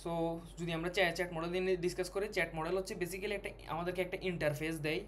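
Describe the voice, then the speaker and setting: A man's voice: sits high, steady tone, fairly bright tone, slight background noise. A man teaching a programming lesson over a screen recording, thinking aloud with many fillers and restarts. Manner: code-switching, halting with fillers and restarts. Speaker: programming tutor.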